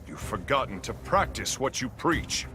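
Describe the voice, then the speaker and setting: A man's voice: mid-range voice, sing-song, normal speed, close to an everyday voice. An actor playing an upstanding, fatherly veteran superhero with an American accent and an earnest, principled delivery. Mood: earnest, stern. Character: upstanding veteran superhero speedster, old-fashioned mentor. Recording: loud music under the voice.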